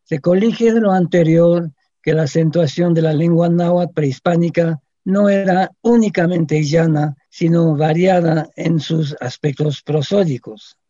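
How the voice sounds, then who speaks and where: A man reads a scholarly essay in a measured, formal manner. His voice sits fairly high but has a mellow tone. The recording is dry and a little dull, like an older radio broadcast. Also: steady tone, dry recording. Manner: measured, academic delivery. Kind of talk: formal scripted reading.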